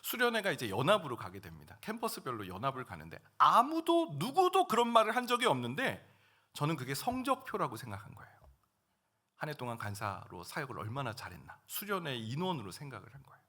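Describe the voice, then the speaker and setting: A middle-aged male pastor preaching a sermon, telling a personal story and swinging between hushed and loud moments. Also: mid-range voice, huge pitch swings, fast. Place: church sanctuary.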